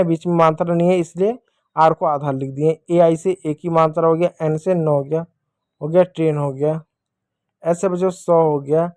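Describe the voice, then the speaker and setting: A man with a fairly high voice gives a children's reading lesson, sounding out each word letter by letter. His delivery is patient and repetitive, and the recording is dry and close, with no room sound. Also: a little mellow, no echo. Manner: patient, spells words letter by letter; repeatedly addresses the children. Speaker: teacher.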